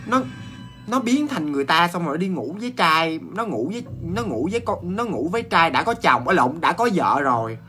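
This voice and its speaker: A man with a Southern Vietnamese accent telling a ghost story in a chatty, animated way, full of exclamations and restarts. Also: fairly high pitch, fairly quick, faint music behind.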